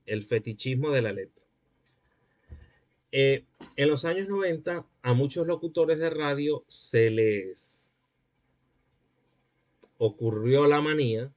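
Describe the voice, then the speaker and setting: A man's voice: medium pitch, animated, takes it slowly, pauses often, darkish tone. A man with a Venezuelan accent teaching a linguistics class, explaining step by step and often checking in with his students. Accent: Venezuelan Spanish. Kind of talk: lecturing a class. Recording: muffled lo-fi audio.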